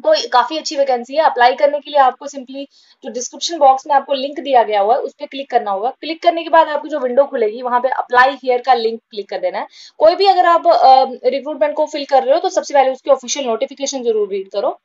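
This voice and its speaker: A woman's voice: high voice, quick pace, a little mellow, muffled recording. A woman hosting a job-update channel, giving an informal voice-over explainer with frequent fillers and repeated points.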